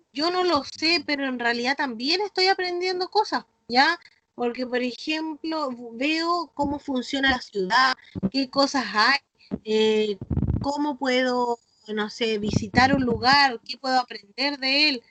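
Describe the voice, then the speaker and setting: A woman with a Chilean accent teaches an online class to children, explaining patiently and often checking in with them. Her voice is high, unhurried and fairly bright, captured dry through a video call microphone on a noisy call.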